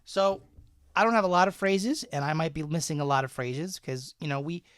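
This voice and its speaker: A man's voice: on the high side, a little fast, fairly bright tone, clear, resonant tone, dry recording, clean studio sound. A man in his thirties hosting a casual podcast, laughing often as he reads slang definitions with jokey examples. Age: 30s. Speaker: podcast host.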